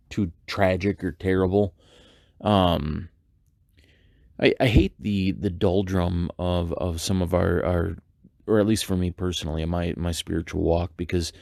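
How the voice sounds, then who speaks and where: A man with a very low, gravelly voice hosts a devotional podcast. He talks in an earnest, reflective way, stopping and restarting often. The recording is dry and close, with no room echo. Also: a little mellow. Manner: halting, many fillers and restarts. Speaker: podcast host. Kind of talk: casual devotional monologue.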